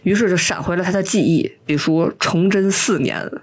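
A woman co-hosting a podcast, retelling a TV plot in casual chat, animated and acting out the quotes as she goes. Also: on the low side, a little fast, husky. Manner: animated storyteller, acts out quotes, laughs often. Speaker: podcast co-host.

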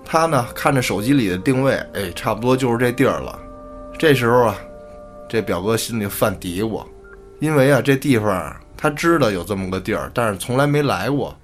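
A man hosting a podcast and telling a spooky tale in a colloquial, relaxed way. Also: medium pitch, fairly quick, faint music behind. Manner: colloquial, relaxed, casual swearing. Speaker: podcast host. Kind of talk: storytelling narration.

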